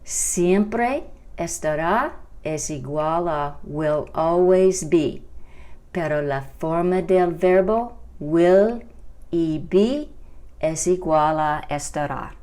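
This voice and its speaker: A woman teaching English to Spanish speakers. She explains slowly and repeats each English example with care. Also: lowish voice, a little mellow. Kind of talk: Spanish-language English lesson. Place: home during quarantine.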